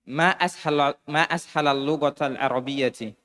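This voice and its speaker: Halting male student reciting, roomy echo. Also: on the high side, pushed and bright. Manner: halting, restarts words while reciting. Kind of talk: reciting answers in class.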